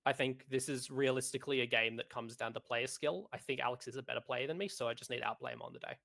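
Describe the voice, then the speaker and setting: An Australian man as a guest on a casual gaming podcast over a call, talking in a measured, hedging way. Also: mid-range voice, creaky, a bit bright. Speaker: podcast guest, tournament player.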